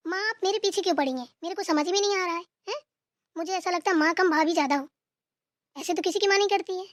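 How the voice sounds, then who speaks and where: A woman's voice: very high voice, fast, no room sound, studio quality. A woman voicing a sulky young daughter in a cartoon who complains to her grandmother about her mother. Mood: whining. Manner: whiny, complaining.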